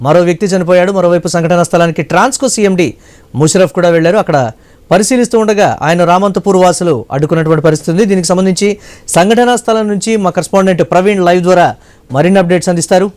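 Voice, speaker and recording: A man reading the news as a studio anchor, formal and steady. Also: sits high, very fast.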